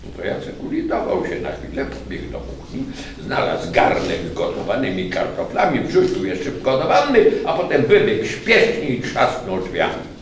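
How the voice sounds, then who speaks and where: A man reciting a fairy tale in an expressive, dramatic way, recorded in an echoey room from a distance with faint noise behind. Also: medium pitch, moderate pace, vocal fry. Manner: dramatic, wide-ranging delivery.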